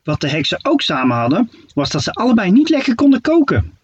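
A male storyteller reading a children's tale with a lively, playful lilt. His voice is husky and somewhat high, and it comes across dull and muffled. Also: quick pace, no echo. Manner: playful, expressive storybook narration.

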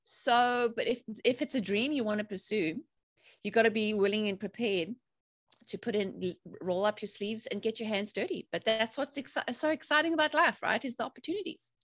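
A mindset coach in her forties with a South African accent answers interview questions as a podcast guest, chatty and upbeat, with rising, emphatic phrases. Her voice is fairly high and her speed normal, and the recording has no echo.

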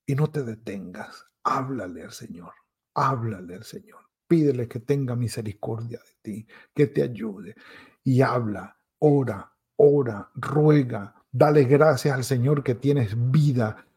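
A man's voice: mid-range voice, measured pace, a little mellow, breathy edge. A man giving a devotional sermon as pastor, urging listeners to pray in a pleading, repetitive way.

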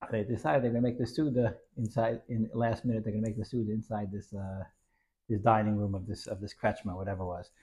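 Man, raspy and creaky, repetitive halting delivery, informal religious storytelling lesson. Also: on the low side, level tone, dark tone. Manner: halting, repeats words as he goes. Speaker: religious teacher.

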